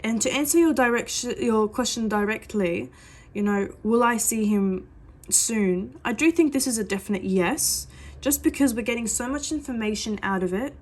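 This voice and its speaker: A woman's voice: a little high, moderate pace, darkish tone. A woman giving a psychic reading, talking straight to her client in an earnest, reassuring way and repeating that she does see things. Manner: chatty, with many fillers and restarts. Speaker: psychic reader. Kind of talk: reading coffee grounds to a client.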